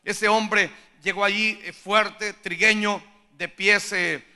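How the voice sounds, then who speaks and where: Impassioned preacher with a very high, bright voice. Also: male voice, steady tone, slow, smooth. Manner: impassioned preaching, swings from hushed to shouting. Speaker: pastor. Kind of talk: sermon.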